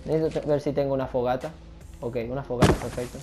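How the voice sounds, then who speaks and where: A man's voice: medium pitch, fairly even intonation, fast talker, over loud music. A man who hosts a gaming channel, giving live gameplay commentary with frequent exclamations, curses and English slang mixed into his Spanish.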